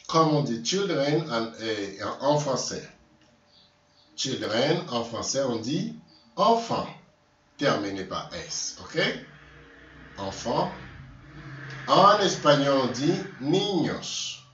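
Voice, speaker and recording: A man teaching vocabulary in a slow lesson, repeating words and correcting himself. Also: mid-range voice, big pitch swings, a bit bright. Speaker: language teacher. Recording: distant echoey room, dull lo-fi sound.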